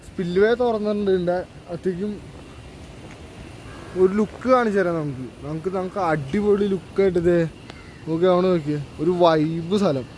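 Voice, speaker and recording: A man's voice: on the high side, darkish tone. A man in his twenties with a Kerala Malayali accent, chatting casually to vlog viewers and mixing English words into his Malayalam. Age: 20s. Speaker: travel vlogger. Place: outdoors by roadsides, dam and waterfall. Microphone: handheld phone at arm's length. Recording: noisy outdoor roadside, wind and traffic.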